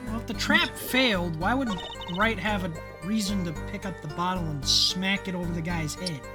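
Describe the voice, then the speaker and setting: A woman's voice: on the low side, normal speed. A woman giving casual, joking let's play commentary as the host. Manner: joking, excitable. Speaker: game streamer. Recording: game music playing behind.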